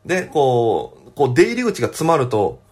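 A young man, a comedian, telling a story alone on his podcast in a chatty, animated way. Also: mid-range voice, normal speed, husky.

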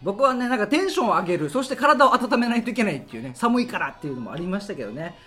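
Lively man telling a story. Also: high voice, racing, breathy edge, soft background music. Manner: animated, acts out voices and sound effects. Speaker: radio show host. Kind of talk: casual storytelling monologue.

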